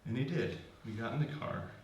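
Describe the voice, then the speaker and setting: A man's voice: medium pitch, lively intonation, fairly quick. A man telling a personal story live on stage, talking in a loose conversational way full of restarts and "like.". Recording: very echoey room, distant mic, faint hiss.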